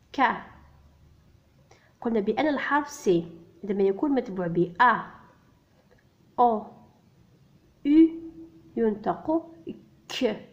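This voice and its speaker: A woman teaching French reading to beginners, spelling out letters and sounds one by one and repeating each word. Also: fairly high pitch. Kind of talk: slow spelled-out reading lesson. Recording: dull lo-fi recording.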